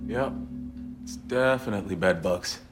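A man's voice: fairly low pitch, unhurried, over music, natural voice. A man playing a plain-spoken, matter-of-fact pest exterminator in a TV drama, explaining things. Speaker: pest control worker. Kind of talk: television drama acting.

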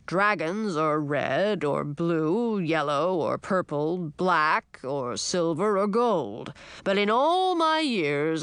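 A woman voicing an ancient male dragon king, huge, proud and absent-minded, with a slow, self-assured way of speaking. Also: lowish voice, a bit bright, smooth, no echo.

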